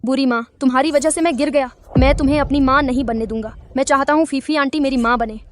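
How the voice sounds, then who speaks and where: A woman's voice: sits high, steady tone, quick pace, a little hiss or hum, natural voice. A woman voicing a spoiled young boy in a dubbed drama, whiny and defiant toward his mother. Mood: resentful. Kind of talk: Hindi dub of a drama.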